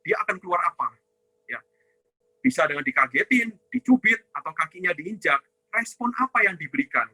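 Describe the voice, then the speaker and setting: Guy teaching a church seminar, high pitched, super bright punchy voice, keeps going "ya?" and asking himself questions. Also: lively intonation, moderate pace, slightly rough, no echo, poor audio. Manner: asks and answers his own questions, tags lines with "ya"; addresses listeners as "saudara". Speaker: ministry teacher on inner healing. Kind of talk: teaching talk with slides.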